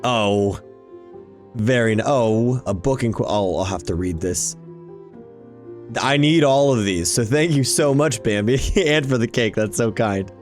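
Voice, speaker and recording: Talking a little slowly in a lowish voice, this gaming YouTuber hosts with casual enthusiasm, chatting and rambling through the gameplay. Background music plays behind him.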